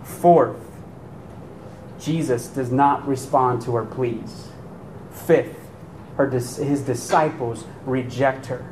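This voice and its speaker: Animated man preaching in an echoey church. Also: slow pace, long pauses. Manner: animated preaching, rhetorical questions to the congregation. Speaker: pastor. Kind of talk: sermon. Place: church sanctuary. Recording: echoey room with faint rumble.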